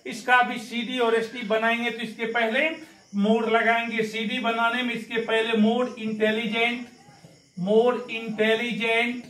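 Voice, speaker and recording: A man teaching English grammar, going slowly through examples and often checking in with the class. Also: very high-pitched, a bit bright, echoey room, low-quality recording. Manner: slow, repetitive, keeps checking with "है ना".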